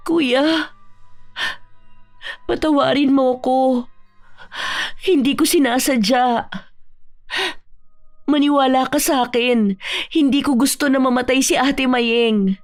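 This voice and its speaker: A woman's voice: sits high, steady tone, slow pace, long pauses, soft background music. An actress playing a guilty younger sister who begs her brother's forgiveness, in a horror radio drama. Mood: tearful pleading. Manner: pleading and tearful.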